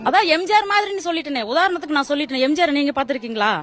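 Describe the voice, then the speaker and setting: A woman's voice: high-pitched, expressive, racing. A young woman being interviewed on the street, speaking emphatically about her devotion. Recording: street interview with crowd around.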